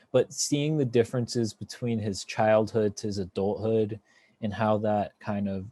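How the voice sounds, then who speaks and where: Low mellow guy hosting a movie chat, rambly and eager, dry close sound. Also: no echo. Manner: enthusiastic, rambling with fillers and restarts. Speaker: podcast host. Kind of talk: casual film review chat.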